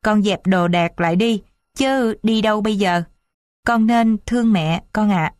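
A woman's voice: mid-range voice, unhurried, no echo, studio quality, natural voice. A woman voicing a tired middle-aged mother who pleads with and reproaches her family. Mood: pleading.

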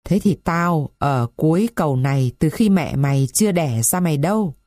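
A woman's voice: sits low, lively intonation, moderate pace, darkish tone, no room sound, clean studio sound. Woman voicing a trembling dying old blind woman. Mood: weary. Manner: trembling, faint and rasping.

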